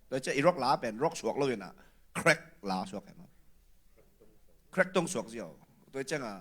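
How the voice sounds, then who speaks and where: A man talking through feedback on a singing performance, with coughs and quick laughs along the way. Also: medium pitch, big pitch swings.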